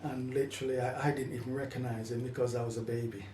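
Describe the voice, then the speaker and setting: Speaking fast at a medium pitch, this older man keeps a level, warm tone while recounting personal stories in an interview, reflective and a bit hesitant. Born in the Caribbean, he moved to England as a child; the recording has an echoey room, distant mic and faint noise.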